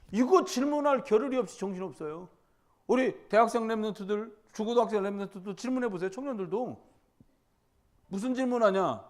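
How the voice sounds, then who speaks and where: Preaching midweek in a high-pitched voice, a male pastor shifts from loud urging to hushed storytelling and back. He speaks conversationally and regularly asks the congregation questions head-on.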